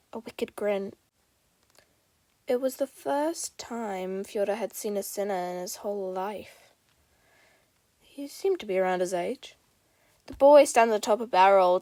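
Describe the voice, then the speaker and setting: Woman, casual fan-fiction reader, middle-pitched, dry close home recording. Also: warm tone, no echo. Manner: casual, lots of "like" and "um" in chat. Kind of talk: reading a story aloud, then casual chat.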